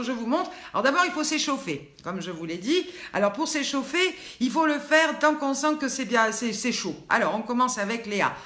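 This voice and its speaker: An older woman leads face and neck exercises on a live video, talking loosely and teasing herself. Her voice is bright and tense. The sound is roomy, recorded on a phone in an echoing space. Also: on the high side. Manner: chatty, rambling and self-mocking. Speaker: host of a daily live show. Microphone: phone camera.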